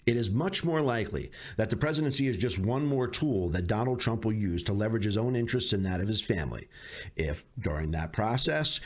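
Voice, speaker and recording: A man hosting a podcast, giving a measured closing monologue of political commentary with dry sarcastic asides. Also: lowish voice. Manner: measured, deliberate delivery with slow emphatic pauses. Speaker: podcast host.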